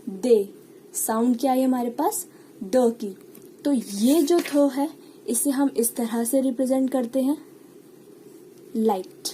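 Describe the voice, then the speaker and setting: A woman's voice: high-pitched, warm tone, a little hiss or hum, low-quality recording. A woman teaching shorthand step by step, patiently explaining and asking and answering her own questions. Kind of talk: classroom lesson at a whiteboard or page.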